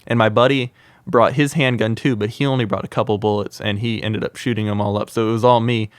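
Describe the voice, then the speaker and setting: A man's voice: on the low side, fast talker, no room sound. A young man, a wildlife content creator, telling wild stories as a podcast guest, with lots of "like" fillers. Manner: lively anecdote telling with frequent "like" fillers. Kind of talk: casual interview storytelling.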